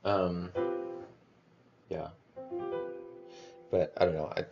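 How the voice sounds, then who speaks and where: A man rambling in a casual monologue about music theory, halting and restarting as he thinks aloud. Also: low-pitched, steady tone, gravelly, muffled recording. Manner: musing, halting, many restarts and swearing.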